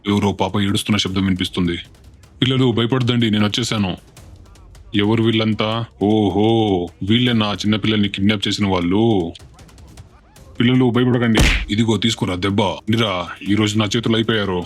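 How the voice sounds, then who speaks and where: A man's voice: fairly low pitch, fairly even intonation, a little fast, long pauses. A man voicing game characters with a commanding, mock-heroic delivery. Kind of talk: Telugu game dub role-play. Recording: game dub over background music.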